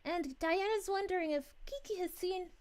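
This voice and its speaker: A woman's voice: extremely high pitch, moderate pace. A woman voicing a sweet, bubbly young cartoon princess who hosts a livestream, chatting casually and gushing over viewers' messages. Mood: enthusiastic, chatty. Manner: gushing, giggly, exclaims with cooing woo-hoos. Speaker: livestream host.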